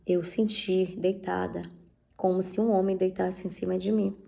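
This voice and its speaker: A woman's voice: fairly low pitch, level tone, moderate pace, gravelly, mellow. A middle-aged woman sharing her personal faith testimony in a conversational way, often tagging on questions and speaking straight to her listeners. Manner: conversational, leans on tag questions and fillers; speaks directly to listeners as beloved ones.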